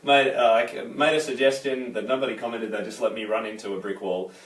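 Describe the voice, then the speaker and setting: A man's voice: mid-range voice, steady tone, fairly quick. Upbeat chatty music teacher guy, laughs a lot, sounds far from the mic. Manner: chatty and encouraging, laughs easily. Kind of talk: co-teaching conversation at the piano. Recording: roomy sound, mic at a distance. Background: piano playing.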